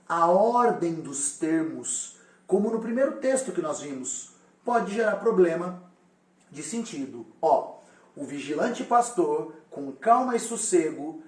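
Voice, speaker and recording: A man with a fairly high voice teaches a recorded lesson and speaks straight to his students. He sounds set back from the mic, and the room gives his voice a clear echo. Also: a little mellow, recorded from a distance. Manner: explanatory, addresses students directly.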